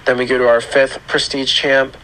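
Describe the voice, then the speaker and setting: A man with a hoarse, grating voice from a sore throat gives casual, unscripted gaming commentary in a halting, matter-of-fact way. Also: mid-range voice, little pitch movement, pushed and bright, poor audio. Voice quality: rough, grating. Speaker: gaming channel host. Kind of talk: casual video game account tour commentary.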